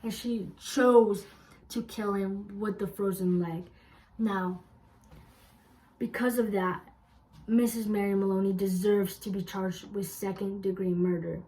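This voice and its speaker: A woman with a medium-pitched voice presents a closing argument to a court. She is insistent and emphatic, leaning on key points to persuade. Her delivery stumbles a little here and there as she pushes the case forward. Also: little pitch movement, a little slow, warm tone, low-quality recording.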